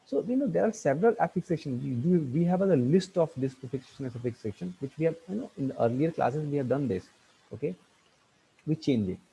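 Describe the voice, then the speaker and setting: Halting male teacher. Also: fairly high pitch, animated, creaky, dark tone, slight background noise, poor audio. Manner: halting, many fillers and restarts, spells words out letter by letter. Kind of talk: online English grammar lecture.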